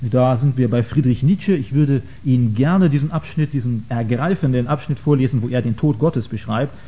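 A man lectures an audience on faith in an earnest, halting way, often stopping on filler sounds. His voice is dark and mellow at a middle pitch. The recording sounds dull and lo-fi.

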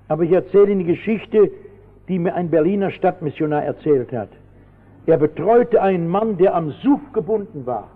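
A man with a high, husky voice delivers a fervent sermon, telling his story with swings between hushed asides and sudden shouts. The sound is thin and phone-like, as from an old radio broadcast, and a long church reverb follows every phrase.

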